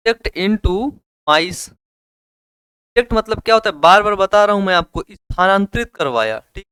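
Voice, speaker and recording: High-voiced chatty Hindi teacher man. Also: fairly bright tone, smooth, no room sound. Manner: chatty, repeats questions to students, jokes. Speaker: biology teacher. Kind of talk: casual classroom lecture.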